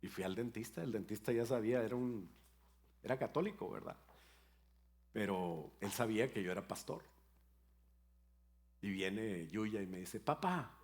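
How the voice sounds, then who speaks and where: A man's voice: lowish voice, moderate pace, long pauses, a little mellow. An older man, a pastor, preaching a sermon in a storytelling way with playful asides about his grandchildren.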